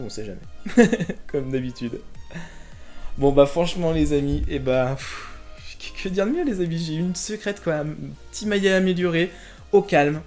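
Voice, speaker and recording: A man's voice: fairly high pitch, a little mellow. A man hosting his own collector channel, chatting casually to viewers as he opens trading card packs, with many fillers and a friendly direct address. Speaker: YouTube collector channel host.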